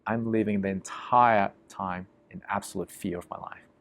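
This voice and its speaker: A man's voice: lowish voice, steady tone, moderate pace. A man as an interview guest, telling a vivid story emphatically and swearing freely.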